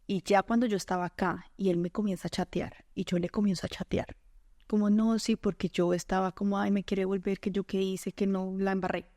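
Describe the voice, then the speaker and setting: A Colombian woman tells her personal faith testimony as a podcast guest, earnest and quick to laugh, often quoting her own words. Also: medium pitch, flat delivery, mellow, no echo, clean studio sound. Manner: earnest storytelling, quick to laugh, quotes herself and God.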